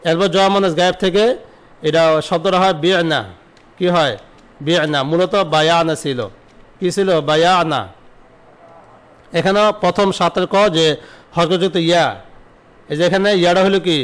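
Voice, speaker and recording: Man, online grammar lesson, slightly high voice, asks and answers his own questions. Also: steady tone, a bit bright, smooth. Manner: repeats word forms slowly. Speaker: Arabic grammar teacher.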